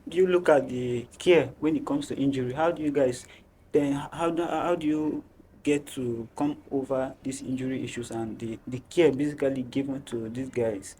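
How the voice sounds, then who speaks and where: A man's voice: mid-range voice, steady tone, normal speed, mellow, a little hiss or hum. A man joining an interview, asking a question hesitantly and restarting it several times.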